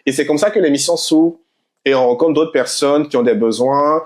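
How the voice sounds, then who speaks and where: A man's voice: a little high, brisk. Young man, from Côte d'Ivoire, laughing storyteller, casual faith talk, repeats himself. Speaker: guest sharing a faith testimony. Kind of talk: casual faith testimony conversation.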